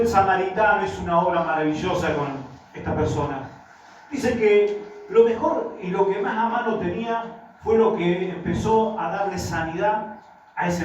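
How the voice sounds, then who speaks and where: Argentine pastor preaching in an echoey hall. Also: male voice, sits high, far from the mic, a little hiss or hum. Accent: Argentine Spanish. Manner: storytelling with quoted dialogue and rhetorical questions. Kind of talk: sermon. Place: church hall.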